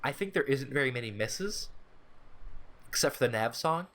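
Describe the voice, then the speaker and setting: A young man from the United States co-hosting a casual podcast, rambling with frequent restarts and quick asides. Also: mid-range voice, lively intonation, background noise. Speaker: podcast co-host. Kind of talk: casual chat.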